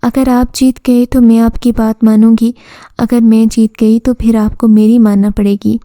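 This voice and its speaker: A woman's voice: on the high side, level tone, normal speed, dark tone, no room sound, lightly acted. A woman voicing a greedy, defiant little girl in a storybook tale, reading her lines in an insistent, demanding way. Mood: taunting.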